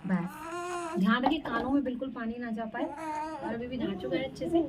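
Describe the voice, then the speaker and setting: A woman's voice: high-pitched, expressive, normal speed, over a noisy crowd. A woman and mother giving a chatty, instructive how-to while bathing a baby at home, talking to viewers as friends. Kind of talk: casual how-to demonstration. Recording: loud background noise and baby crying. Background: a crying baby.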